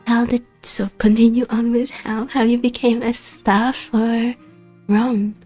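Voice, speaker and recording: A woman's voice: fairly high pitch, little pitch movement, measured pace, mellow, soft background music. A woman hosting a casual podcast, asking questions and laughing often. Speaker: podcast host.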